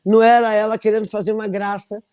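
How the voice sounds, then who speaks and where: A middle-aged woman from Belém, Brazil, with a Brazilian Portuguese accent, a singer telling animated stories in an interview with many restarts. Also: medium pitch, quick pace. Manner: animated storytelling, frequent restarts. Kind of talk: conversational interview.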